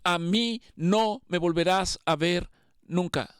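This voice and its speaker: A man voicing a calm, mysterious male stranger in an old-fashioned suit who speaks with quiet assurance. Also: medium pitch, slow, clean tone, dry recording, studio quality. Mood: solemn calm.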